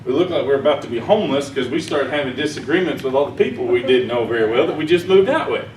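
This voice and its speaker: Fast-talking and animated, this conference speaker has a mid-range, slightly mellow voice and a Southern accent from Arkansas. His sermon talk is folksy and rambling, punctuated by chuckles at his own jokes. A little hiss or hum sits in the echoey, far-off recording from a conference hall.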